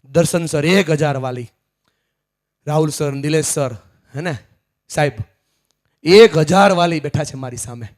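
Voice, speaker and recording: A middle-aged man giving a live motivational seminar, emphatic, swinging from loud to hushed. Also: on the high side, a little slow, long pauses. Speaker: motivational speaker. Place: large seminar hall with audience.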